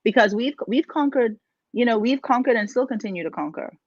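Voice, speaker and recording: A woman's voice: fairly high pitch, lively intonation, fairly quick, no echo. A woman from the Bahamas, a life coach co-hosting a motivational podcast, speaking emphatically with many rhetorical questions. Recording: dull, dry, lo-fi sound.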